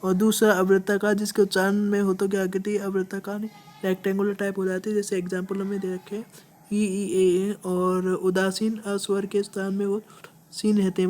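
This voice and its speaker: This grammar teacher speaks at a medium pitch in a mellow tone, explaining the lesson step by step. Frequent "ठीक है" ("okay") checks punctuate her repeated points, and she draws out vowels as examples.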